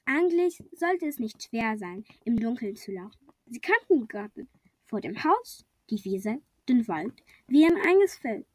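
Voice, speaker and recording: Female storybook reader, high and breathy, unhurried and playful. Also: big pitch swings, no room sound. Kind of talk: children's storybook reading.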